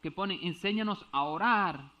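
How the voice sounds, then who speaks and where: A man with a fairly high voice preaches in a church, walking slowly through a Bible verse. He keeps checking whether his listeners follow and trips over Greek words. The recording is dull and lo-fi. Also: bright, forceful tone. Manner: explains step by step, often asks if understood. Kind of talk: Bible teaching sermon.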